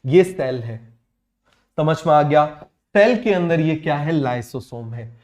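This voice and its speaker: A man teaching biology in a quick call-and-response lecture, firing questions at students and repeating each answer himself. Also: fairly high pitch, expressive, a little mellow.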